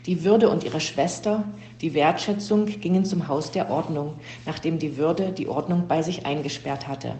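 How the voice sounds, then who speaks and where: A woman reading a children's story aloud in a steady, even storybook narration. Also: deep voice, roomy sound, slight background noise.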